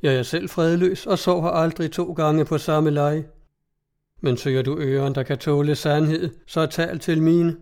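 A man reading Løgnerfjenden, a booming outlaw chieftain. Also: fairly even intonation, creaky, a little mellow. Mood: solemn. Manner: slow, booming oratory. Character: proud outlaw chieftain, rousing rebel leader, man. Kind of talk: storybook reading.

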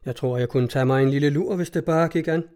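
A male reader voicing a tired, sulky army lieutenant in a storybook reading, speaking slowly and gruffly. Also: on the high side, a little mellow, close to an everyday voice. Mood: weary. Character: weary, grumpy young army lieutenant.

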